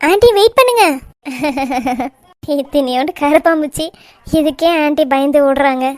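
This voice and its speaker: A woman's voice: high-pitched, fairly quick, a little mellow, dry recording, lightly acted. A woman voicing a bold, fearless young bride-to-be in a cartoon, teasing her elders cheekily. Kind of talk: cartoon voice acting.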